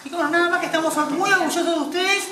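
A woman's voice: extremely high pitch, fairly even intonation, rapid-fire. A woman teacher speaking informally to students in short, listing phrases. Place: large hall with a crowd, indoors. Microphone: far camera. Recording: echoey hall, far camera, crowd noise.

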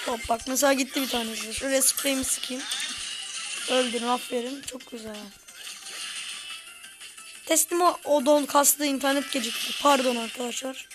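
A young woman giving excitable live commentary on her gameplay, shouting orders at her teammates. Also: high voice, normal speed, long pauses, loud music behind the voice. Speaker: gaming video host.

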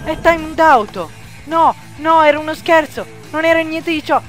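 A young male gamer commenting on a game in a panicky, shrieking way, yelling words over and over. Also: very high-pitched, measured pace. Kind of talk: frantic gameplay commentary. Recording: game music behind.

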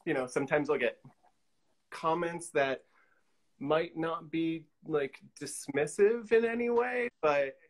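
Speaking slowly in a slightly high voice, a man in his forties appears as an interview guest over video call. The collage artist sits in a small room with pinned pictures and talks casually, peppering his speech with "you know."

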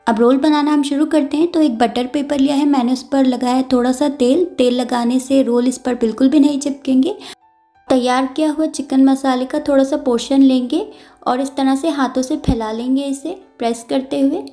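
A woman, host of a cooking channel, narrating a recipe step by step in a calm, instructive voice-over, repeating and clarifying each step. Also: high voice, normal speed, soft background music.

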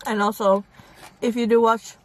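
A woman's voice: on the high side, flat delivery, normal speed, slight background noise. A woman hosting a mukbang food vlog, chatting casually with her audience while eating and sometimes stopping to search for a word. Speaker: mukbang channel host.

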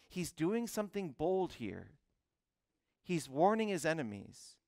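A male pastor preaching a sermon, animated, often restarting words and phrases before driving a point home. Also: on the high side, unhurried, creaky, no room sound. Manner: animated preaching with frequent repeated starts.

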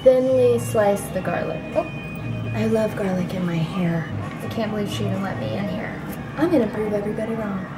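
In a mid-range voice at a brisk clip, a woman in her twenties hams up a mock cooking show in her little kitchen. She films on a handheld camera at arm's length, silly and self-deprecating. Loud sixties French pop plays behind her on a low-quality recording.

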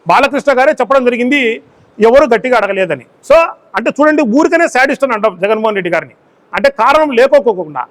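A man's voice: extremely high pitch, lively intonation, fast talker. A man, a local party in-charge, giving a political press statement full of repeated rhetorical questions.

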